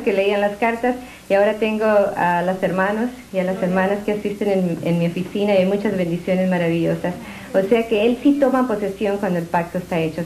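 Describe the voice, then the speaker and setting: A woman giving an emotional religious testimony at church, earnest and halting, often restarting her sentences. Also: medium pitch, mellow, poor audio.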